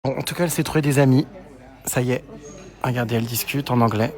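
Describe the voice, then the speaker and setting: A man vlogging on his travels, chatty and teasing, excitable, filming on a handheld camera. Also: medium pitch, fast, a crowd in the background. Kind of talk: travel vlog narration.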